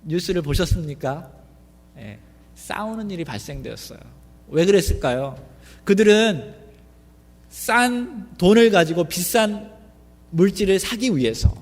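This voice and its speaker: A man's voice: sits high, animated, a little slow. A male pastor preaching a sermon, often asking the congregation questions. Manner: asks the congregation many questions. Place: church sanctuary. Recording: long reverb of a church hall.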